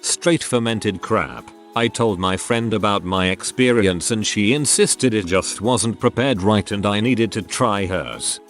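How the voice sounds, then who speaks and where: A man reading out a series of short stories as scripted narration. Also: lowish voice. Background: faint music.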